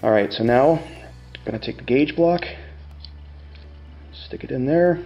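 Faint music sits beneath a lo-fi recording of a middle-aged tutorial host showing measuring tools step by step with a plain-spoken machinist's manner in a casual hands-on lesson. He speaks at a measured pace in a mid-range, dark-toned voice.

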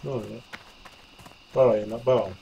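A man with a mid-range voice talks casually over game music while he plays. He often drops to a quiet mutter, half talking to himself. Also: medium pitch, steady tone, moderate pace, gravelly, dull audio, slight background noise. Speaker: streamer. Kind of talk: casual chat while gaming.

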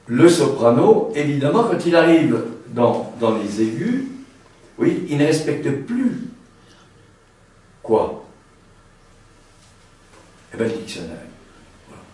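A man who sings tenor gives a seminar lecture, talking haltingly with many restarts and a frequent tag word. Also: medium pitch, sing-song, warm tone. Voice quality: trained singer's voice, a tenor. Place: seminar room. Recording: very echoey room, mic far off.

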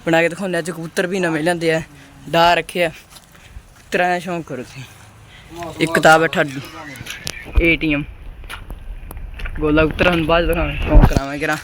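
A man's voice: fairly high pitch, little pitch movement, brisk, pauses often, a crowd in the background. A man with a Punjabi accent chatting casually to viewers and calling out to his companions in a colloquial vlog style. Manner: colloquial, calls out to companions and addresses viewers as friends. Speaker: pigeon-keeping vlogger. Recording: noisy handheld recording with clicks.

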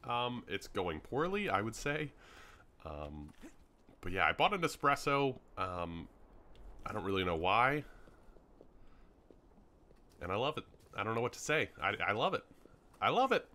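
A young man talks his way through a game world in loose, rambling commentary, dropping ums as he goes. His voice sits a bit low yet swings up and down with plenty of life, and his tone is bright. He sounds a little worn, as though his voice is starting to give out. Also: big pitch swings, a little slow, pauses often. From Canada. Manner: rambling, chatty, many ums. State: hiccups, voice starting to go. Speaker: gaming YouTuber. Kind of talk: casual gameplay commentary.

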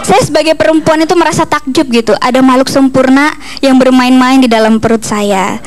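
This young adult comic from East Kalimantan, Indonesia, delivers her stand-up set into a handheld microphone before a studio audience on a TV comedy stage. She speaks fairly quickly in a high register, with crowd ambience under her mic.

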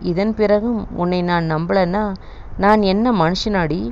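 A woman's voice: medium pitch, a little slow, darkish tone, lo-fi sound, slight background noise, close to an everyday voice. A woman voicing a devoted young husband who is tender and protective, in an audio novel. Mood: pleading.

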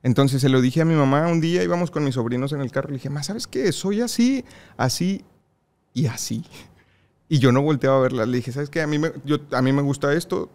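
A young man with a Mexican accent, a podcast guest telling personal stories in a casual, lively way with frequent laughter. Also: mid-range voice, fast talker, few pauses, clean tone. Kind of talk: casual interview storytelling.

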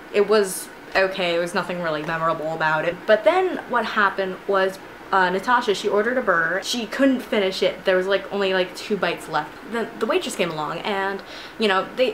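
A young woman, a student, telling a casual storytime vlog in a chatty, animated way with frequent laughs, filmed at home on a camera in her room. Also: mid-range voice, moderate pace. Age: young adult. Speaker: vlogger. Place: bedroom with shelves of figurines, indoors. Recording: noisy home recording.

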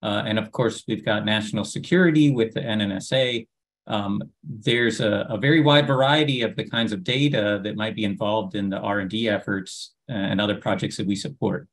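Low-voiced man on a video call. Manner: measured, many "uh" fillers. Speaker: agency official panelist. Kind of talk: formal panel remarks. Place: home office, virtual green backdrop.

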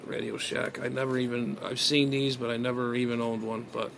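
Unboxing a gadget without a script, this amateur radio vlogger halts and mutters as he thinks aloud, his mid-range voice level and full of vocal fry. The casual, unrehearsed clip comes from a phone at arm's length in a small bedroom, with noisy audio.

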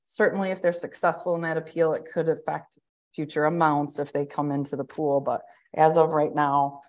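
Joining a hybrid board work session by webcam from her office, a county administrator in her thirties delivers her spoken update. Her voice is loud and slightly low-pitched with little pitch movement at a normal speed, and her delivery is relaxed and conversational with many fillers and restarts.

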